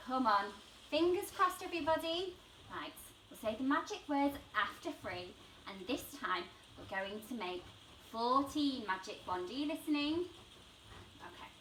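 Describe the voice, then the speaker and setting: A woman's voice: high-pitched, sharp tone. A woman leading a playful children's lesson like a kids party magician, coaxing with lots of encouraging questions. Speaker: maths teacher for young children. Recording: distant mic, roomy echo, faint noise.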